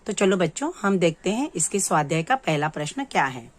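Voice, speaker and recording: A woman teaching young children, reading words aloud slowly for them to repeat and explaining each one patiently. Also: fairly low pitch, sing-song, dry recording. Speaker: primary school teacher. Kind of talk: slow, clear classroom lesson for young children.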